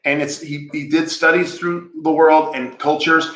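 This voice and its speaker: A man's voice: on the high side, flat delivery, unhurried, a bit bright, reverberant, poor audio. A man co-hosting a casual book discussion, telling rambling stories and swearing freely. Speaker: podcast co-host.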